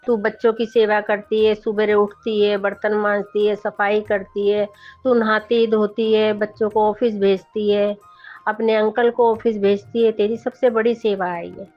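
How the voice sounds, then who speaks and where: A woman's voice: mid-range voice, flat delivery, measured pace. A middle-aged woman sharing a devotional testimony, speaking earnestly and often turning to address her listeners directly. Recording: dull, dry recording with faint background music.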